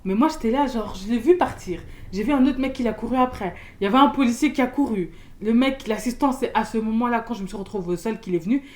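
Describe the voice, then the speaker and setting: A young woman from Belgium, telling a storytime in casual slangy chat, loud and expressive, acting out the people in her story. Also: on the high side, fast talker, few pauses. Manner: casual slangy talk with many fillers.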